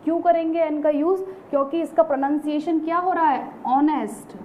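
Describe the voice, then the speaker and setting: A woman's voice: high voice, fairly even intonation, brisk, dark tone. A woman teaching an online grammar lesson, explaining patiently and asking the class rhetorical questions. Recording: tinny phone-like recording, faint hiss.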